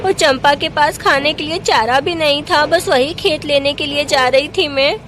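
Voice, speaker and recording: A woman's voice: high-pitched, normal speed, noisy background, natural voice. A woman voicing a weary young village woman who speaks weakly and apologetically. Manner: weak, apologetic.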